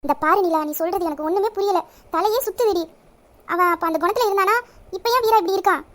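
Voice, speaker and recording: A woman voicing a caring, protective young village woman who questions her friend briskly and affectionately. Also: extremely high pitch, fairly bright tone. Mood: bewildered. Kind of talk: Tamil village audio drama.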